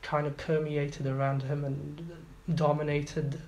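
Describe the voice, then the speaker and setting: A man's voice: a little high, monotone, slow pace, creaky, darkish tone. A man in his twenties from Iraq, talking as an interview guest, hesitant with many fillers and restarts. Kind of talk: casual interview. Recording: roomy echo, faint background noise.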